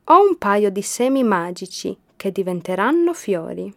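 A woman voicing a kind, hopeful girl who plants magic seeds, in a storybook reading with bright, eager lines. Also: mid-range voice, very animated, a little slow, creaky, heavily acted.

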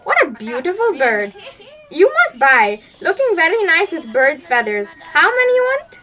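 A woman playing a pushy, flattering Indian beach seller with an Indian accent and wheedling sales patter, in a comedy drama. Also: very high-pitched, normal speed, heavily acted.

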